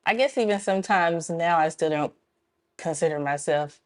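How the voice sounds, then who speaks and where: Fairly low in pitch and moderate in pace, this woman from Memphis, Tennessee talks casually as an interview guest. A co-founder of a club, she explains things in a friendly way and laughs a lot.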